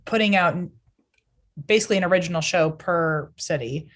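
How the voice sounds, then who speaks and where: A woman's voice: lowish voice, brisk. A woman guest in a casual video-call interview, chatty and explaining things in rambling asides. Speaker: podcast guest.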